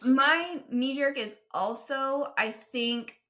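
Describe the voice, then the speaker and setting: A woman's voice: high-pitched, slow pace, bright, forceful tone. A woman in her forties co-hosting a casual podcast chat, rambling and self-deprecating, laughing often. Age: 40s. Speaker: podcast co-host.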